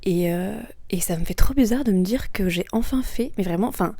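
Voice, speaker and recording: A young woman in her twenties talks casually as a vlogger. Her voice is warm-toned and relaxed, at a medium pitch. She speaks in an informal, slangy, confiding way, reflecting as she goes. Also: a little fast, husky, dry recording. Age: 20s.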